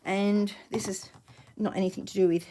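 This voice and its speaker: A woman chatting casually in a soft, mellow voice that is a little croaky. She rambles gently through a show-and-tell and often sinks to a near-whisper. She is recorded on a desk camera in a small home room. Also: mid-range voice, fairly even intonation, moderate pace, a little hiss or hum. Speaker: vlogger showing vintage finds. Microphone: camera or tablet on a desk.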